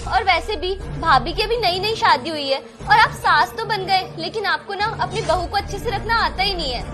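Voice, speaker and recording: A young woman playing a married daughter who pleads and reasons gently with her mother in a family drama. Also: very high voice, normal speed, music in the background. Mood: pleading. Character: married daughter defending her sister-in-law.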